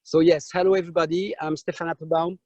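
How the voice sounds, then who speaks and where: A French winemaker gives a live video tour and tasting talk from a vineyard on a hot day, speaking haltingly with many fillers and restarts. His slightly high, level, darkish voice arrives through a dull, lo-fi video call, yet the sound stays dry and close.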